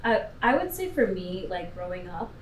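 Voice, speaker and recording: A woman's voice: fairly low pitch, big pitch swings, normal speed. A young woman talking conversationally as a guest in a panel discussion. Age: young adult. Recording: roomy, distant mic with faint noise.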